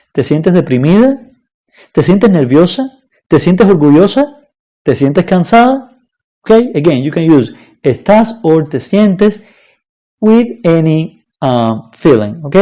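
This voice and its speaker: Slow, lively-voiced language teacher. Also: mid-range voice. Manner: slow, deliberate, checks in with "okay?" and "right?". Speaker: Spanish teacher. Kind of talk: online language lesson.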